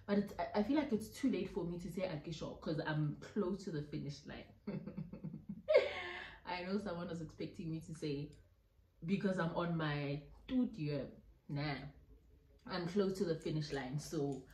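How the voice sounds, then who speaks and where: A woman's voice: sits low, moderate pace, darkish tone, roomy sound, poor audio. A South African woman in her twenties chatting casually through a Q&A while eating, laughing often and mixing local phrases into her talk. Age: 20s. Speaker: YouTuber. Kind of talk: casual mukbang Q&A chat. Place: indoor room at home.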